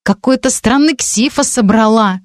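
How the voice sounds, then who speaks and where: A woman voicing Vika, an indignant, bossy teenage witch girl who scolds in a high, shrill voice. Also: moderate pace, no room sound, clean studio sound, lightly acted. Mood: scolding. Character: sharp-tongued young witch girl, purple-haired, bossy.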